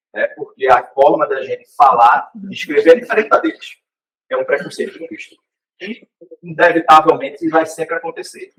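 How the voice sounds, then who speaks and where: A man's voice: fairly high pitch, fairly bright tone, recorded from a distance, rough recording. A man with a Brazilian Portuguese accent giving a workplace training talk, in a conversational way that often checks in with the group. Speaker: corporate trainer.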